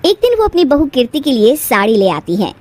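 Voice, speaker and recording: High-voiced woman narrating a cartoon story. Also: big pitch swings, brisk, a little mellow.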